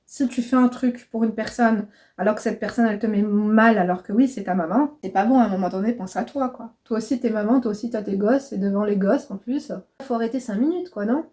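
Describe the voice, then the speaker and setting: A woman in her thirties, a vlogger and coach, talks frankly to camera in a casual, direct way. She's chatty, swears freely, and calls her viewers "mes crèmes." Her mid-range voice is warm and fairly quick.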